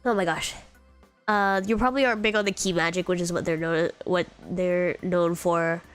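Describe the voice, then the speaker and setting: With a lowish, smooth voice and fairly even intonation, this young woman streamer chats at a moderate pace over faint music. She sounds congested and a little under the weather, giggling and using lots of fillers as she meanders through viewer comments.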